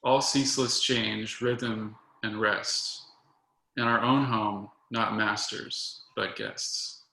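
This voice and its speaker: Male poet reading own work, steady flat delivery, bright gravelly voice, roomy echo. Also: on the low side, takes it slowly. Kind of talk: poetry reading.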